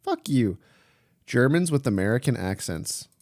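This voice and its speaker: A young man streaming, reacting to clips in casual chat, excitable and swearing, shouting in disbelief at big plays. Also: medium pitch, unhurried, slight background noise.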